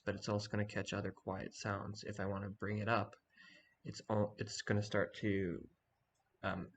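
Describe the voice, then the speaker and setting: Man, quiet early-morning voice, gravelly fry, casual tutorial delivery, some background noise. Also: lowish voice. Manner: talking quietly early in the morning so as not to wake anyone. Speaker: online community organizer giving a tutorial. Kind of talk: casual screen-share walkthrough.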